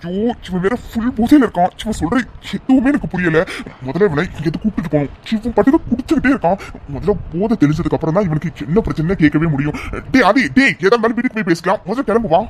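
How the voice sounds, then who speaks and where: A man's voice: high-pitched, expressive, fast talker, few pauses, darkish tone, slight background noise. Fretful young friend, voiced by a man. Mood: bewildered. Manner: fretful, exasperated pleading. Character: worried, bewildered young male best friend. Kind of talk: cartoon voice acting.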